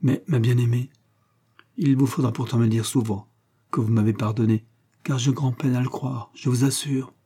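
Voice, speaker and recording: A man's voice: mid-range voice, steady tone, normal speed, mellow, slightly rough, close to an everyday voice. A man reading aloud as an earnest, lovesick colonel, speaking with passion and gravity. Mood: passionate. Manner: passionate, grave.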